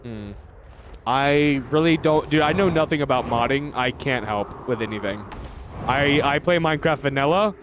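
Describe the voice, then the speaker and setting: A man's voice: mid-range voice, moderate pace, a bit bright, slight background noise. A man streaming a game, chatting casually, swearing and ranting in mock outrage at his chat, then muttering to himself as he plays. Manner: rambling, muttering to himself while playing. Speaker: livestreamer. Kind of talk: casual gaming livestream chat.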